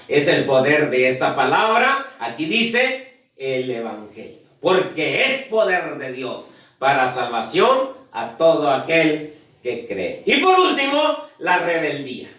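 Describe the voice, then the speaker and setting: Preacher guy, high voice, heard from far off, lots of church echo, keeps asking the crowd questions. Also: fairly bright tone. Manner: asks the congregation questions, lists points. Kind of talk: sermon. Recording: echoey church heard from afar.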